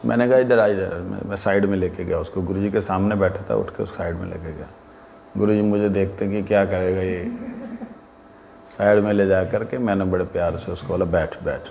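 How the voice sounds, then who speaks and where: A man's voice: low voice, steady tone, fairly quick, gravelly, darkish tone. A man giving a spiritual discourse, recounting anecdotes in a conversational way with quoted dialogue. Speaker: religious speaker. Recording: echoey hall with faint background noise.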